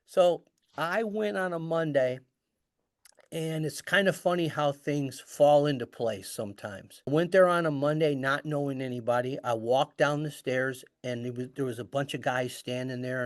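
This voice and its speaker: A man's voice: medium pitch, no echo, clean studio sound. A middle-aged man casually telling a story, acting out the dialogue as he goes. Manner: animated, acts out dialogue. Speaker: guest storyteller.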